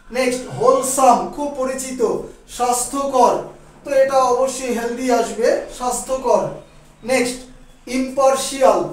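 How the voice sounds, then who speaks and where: A man's voice: extremely high pitch, very echoey, distant mic, poor audio. A man with a Bengali accent teaching English vocabulary to students, explaining and repeating each word and checking they follow. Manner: explains and repeats words, checks with "ঠিক আছে?". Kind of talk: classroom vocabulary lesson.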